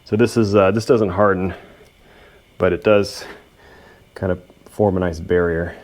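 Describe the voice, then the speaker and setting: Man, lowish voice, laid-back, self-deprecating, casual hands-on workshop repair narration. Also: fairly even intonation, unhurried, a little mellow. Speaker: host of a machinery repair video.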